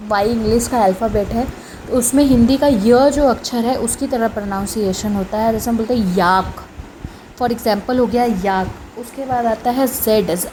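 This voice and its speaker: A woman's voice: fairly high pitch, dark tone, a little hiss or hum, low-quality recording. A woman teaching phonics in a casual spoken lesson, saying each sound several times over.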